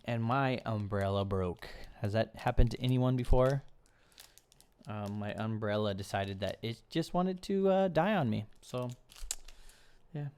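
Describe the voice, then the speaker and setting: A man's voice: medium pitch, a little mellow, clean tone. A young man hosting a casual live stream, chatting loosely with viewers while snacking at a table. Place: indoors at a table, eating snacks.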